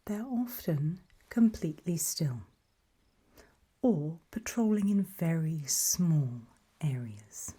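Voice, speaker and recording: Hosting an ASMR roleplay, a woman whispers narration that guides the listener, her breathy voice low-pitched and expressive. She goes slowly and deliberately, keeping things hushed and pausing between short phrases.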